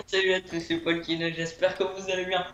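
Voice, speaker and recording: A young man chatting casually about his holiday, hesitant, with many fillers and restarts. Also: high voice. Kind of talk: rambling casual chat. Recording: echoey room, faint noise.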